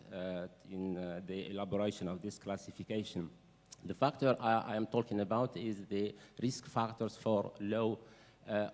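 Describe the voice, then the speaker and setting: A man asking a question from the floor at a conference, speaking haltingly with many hesitations. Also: lowish voice, darkish tone. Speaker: audience member asking a question. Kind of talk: conference panel discussion. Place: conference hall. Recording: reverberant conference hall.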